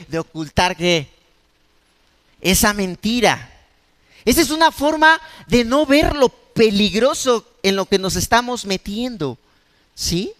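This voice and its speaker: A man's voice: high voice, fairly bright tone, big-room sound. A man with a Mexican accent preaching a sermon as pastor, talking conversationally and peppering his points with rhetorical questions. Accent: Mexican Spanish.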